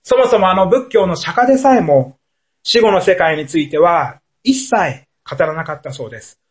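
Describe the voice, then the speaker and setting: A man's voice: high-pitched, expressive, normal speed. A man preaching a sermon as a pastor, telling stories in an earnest, storytelling manner.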